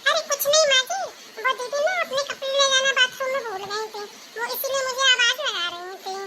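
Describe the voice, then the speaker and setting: A woman's voice: very high voice, a little fast. Woman doing a meek polite daughter-in-law. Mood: placating. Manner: polite, placating. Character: patient young daughter-in-law, female, meek. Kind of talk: homemade family skit. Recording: loud noisy background.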